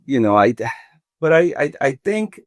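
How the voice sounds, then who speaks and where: Speaking as a podcast guest in a studio, a Venezuelan contractor in his forties is very animated yet halting and thoughtful, thinking aloud with many restarts in casual interview talk. His voice is mid-range, studio quality with no room sound.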